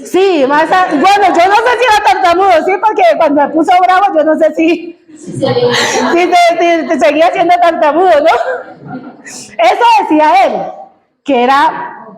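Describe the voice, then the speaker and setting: High-voiced woman preaching a sermon. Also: unhurried. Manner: animated, asks the congregation questions. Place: church.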